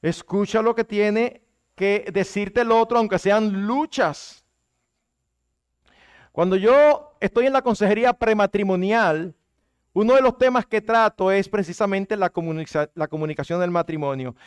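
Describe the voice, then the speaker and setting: A man with a high, smooth and resonant voice preaches a sermon. He is animated and changes his voice to act out quoted husbands and wives. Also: measured pace. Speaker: pastor.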